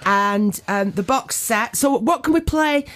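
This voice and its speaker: A woman's voice: fairly high pitch, expressive, a little slow, a bit bright. A woman hosting a casual radio interview in a studio, chatty, enthusiastic and teasing. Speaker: radio host.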